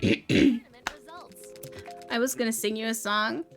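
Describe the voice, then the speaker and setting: A woman streaming a game live, chatting in a joking, self-mocking way, her voice a bit rough from being sick. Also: fairly high pitch, steady tone, slow pace, faint music behind. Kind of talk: live gameplay stream chat.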